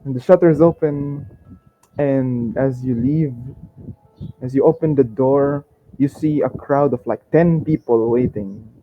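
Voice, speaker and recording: A man's voice: mid-range voice, a little slow. A man running a tabletop game as game master, laid-back, laughing often and fumbling through his notes. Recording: dull lo-fi sound with faint noise.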